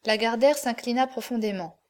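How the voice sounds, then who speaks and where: A woman reading a classic novel aloud as an audiobook narrator, in a measured, even manner. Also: fairly high pitch.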